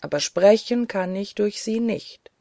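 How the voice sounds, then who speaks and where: Otherworldly angel spirit for an audiobook, slow and commanding, dark gravelly tone, voiced by the narrating reader. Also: mid-range voice, expressive, dry recording, studio quality. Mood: solemn. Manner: solemn, prophetic, commanding.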